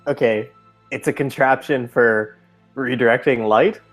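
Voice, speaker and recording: A man's voice: medium pitch, fairly even intonation, measured pace, soft background music. A man playing a tabletop game, casually stating his character's actions and asking questions.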